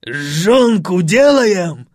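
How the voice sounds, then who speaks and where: Brief: rowdy loud reveller, a man voicing him, drawling and yelling. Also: high voice, very animated, dry recording, studio quality, pitched above the performer's own voice, exaggerated voice. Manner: shouting, drawn-out exclamations. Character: wild, boisterous party-loving man, rowdy host type.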